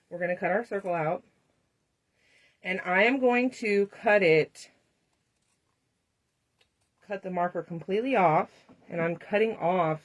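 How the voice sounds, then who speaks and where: A woman hosting a live craft demonstration, chatting to viewers and laughing often as she works. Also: medium pitch. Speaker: craft tutorial host.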